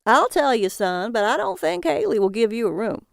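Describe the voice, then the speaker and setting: A woman voicing a gruff older townsman who talks in a warning tone. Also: fairly high pitch, sing-song, normal speed, no room sound, clean studio sound, pitched above the performer's own voice. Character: crusty older townsman smoking a cigar.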